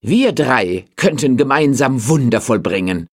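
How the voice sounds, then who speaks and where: An eager young fairy tale soldier, as a woman narrator puts him on, full of admiration and polite charm. His pitch swings about with enthusiasm. He sounds a little louder and further from the mic than the narration. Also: a little slow, full character voice. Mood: admiring. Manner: lively, enthusiastic.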